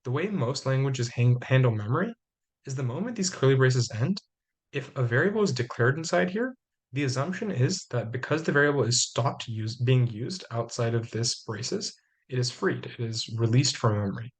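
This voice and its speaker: A young man with a sore throat, slightly sick, giving a measured, explanatory slide lecture step by step. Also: mid-range voice, animated, breathy edge. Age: young adult.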